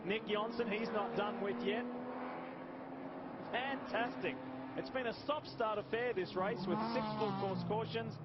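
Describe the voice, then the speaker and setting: High-voiced male motorsport commentator over loud engines. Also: fairly even intonation, normal speed, hardly any pauses. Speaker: motorsport commentator, lead announcer. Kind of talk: live motor race commentary. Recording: dull broadcast audio over loud car noise. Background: loud race cars and trackside ambience.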